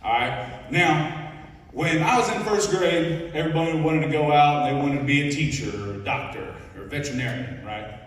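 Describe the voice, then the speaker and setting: Picked up by a distant mic in a big, echoey school hall, a young Ohio man in his twenties addresses an assembly as a guest speaker and Navy petty officer. His slightly high voice moves at a moderate pace, and his folksy, casual talk keeps turning to the audience to check in.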